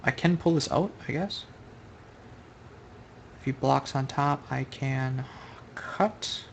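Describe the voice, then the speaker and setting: A man's voice: mid-range voice, slow pace, creaky, a little hiss or hum. A man commentating on his own online Go game in a loose, rambling way, thinking aloud and correcting himself mid-sentence, recorded at home at a computer. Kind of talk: casual live game commentary.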